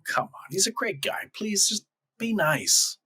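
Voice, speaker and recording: A man's voice: sits high, animated, unhurried, sharp tone, breathy edge, dry recording, exaggerated voice. A man playing a weary, easygoing young adult son who tries to keep the peace with his mother. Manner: tired, placating.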